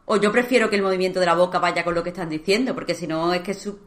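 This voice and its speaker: A woman's voice: lowish voice, fairly even intonation, quick pace. Woman arguing her point in casual chat. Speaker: podcast co-host.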